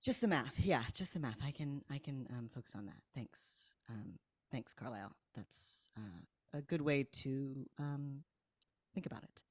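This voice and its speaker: Hesitant young student voiced by a woman, halting, low and dry. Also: lively intonation, no room sound, heavily acted. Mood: crestfallen.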